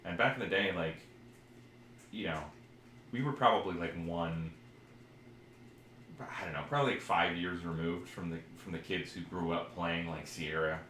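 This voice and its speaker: Co-hosting a laid-back retro gaming podcast, this low-voiced man speaks at a normal speed with long pauses and a slightly bright tone, rambling as he tries to recall details. The indoor room, streamed live, sounds echoey, and background noise is clearly present.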